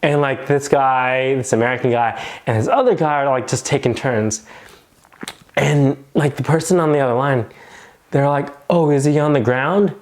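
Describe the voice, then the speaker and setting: Telling a story from his work as a nurse, a man speaks at a moderate pace and an everyday pitch. He's animated and casual, saying "like" constantly.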